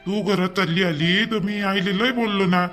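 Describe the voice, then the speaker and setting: Actor as a coaxing young husband, high-pitched, faint music behind. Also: male voice, fairly even intonation, normal speed, a bit bright. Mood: pleading. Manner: pleading, coaxing. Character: young husband soothing his wife. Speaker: actor in a family drama. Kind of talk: amateur family drama acting.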